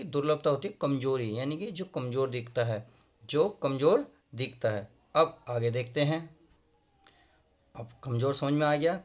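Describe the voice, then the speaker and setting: A man teaching a Hindi poem to school students, reading verse lines slowly and then explaining them in plain, friendly talk. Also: medium pitch. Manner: addresses students fondly, often asks if they understood.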